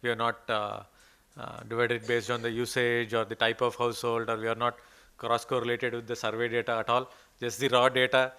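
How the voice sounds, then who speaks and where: A man with an Indian English accent gives a research slide presentation in a conference hall, followed by questions, stumbling through many fillers and restarts. He speaks a little fast in a mid-range, level voice that's pushed, bright and clean.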